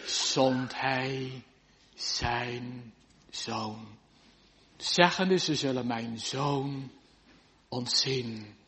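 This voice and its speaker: A man delivers a fervent sermon in old-style biblical phrasing, pleading with his congregation. He speaks slowly in a mid-pitched voice. His words ring out with the long reverb of a church. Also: fairly bright tone, a little hiss or hum. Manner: slow, fervent old-style preaching with archaic scripture. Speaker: pastor.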